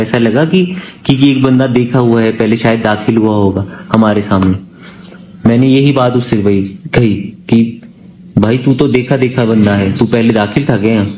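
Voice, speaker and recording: A man's voice: mid-range voice, dark tone, dull audio, slight background noise. A man, a doctor, giving an earnest, aggrieved statement on video and repeating phrases for emphasis.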